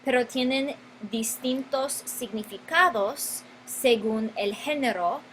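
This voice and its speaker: A woman's voice: fairly high pitch, slow, fairly bright tone, a little hiss or hum, rough recording. A woman teaching a grammar lesson, stretching out key words and repeating them for her students. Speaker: Spanish teacher.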